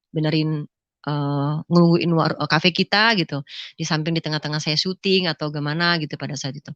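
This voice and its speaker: Woman, middle-aged, church testimony, emotional storytelling, acts out voices, hushed moments, muffled dry recording. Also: fairly low pitch, no room sound. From Indonesia (Palembang). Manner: emotional storytelling, acting out quoted voices, dropping to hushed tones. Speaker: testimony speaker. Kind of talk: church testimony addressing the congregation. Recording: dry, dull lo-fi sound.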